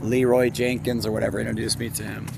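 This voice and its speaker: A man's voice: medium pitch, level tone, quick pace, vocal fry, very noisy. A man casually reading a fantasy novel aloud, stumbling over words and breaking off into rambling asides with laughs. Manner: breaks off with laughs and personal tangents; stumbles and self-corrects while reading.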